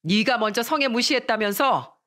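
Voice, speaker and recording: A middle-aged mother furious at her daughter, scolding her in a raised, sharp voice, as a woman narrator plays her. Every word comes as a reprimand. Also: on the high side, animated, normal speed.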